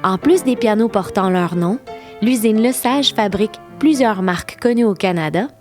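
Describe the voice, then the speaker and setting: A woman's voice: mid-range voice, moderate pace, darkish tone, soft background music. A woman with a Québécois accent hosting and narrating a history walking tour podcast, playful and enthusiastic, with teasing asides to her listeners. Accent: Québécois French. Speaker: podcast host and tour guide.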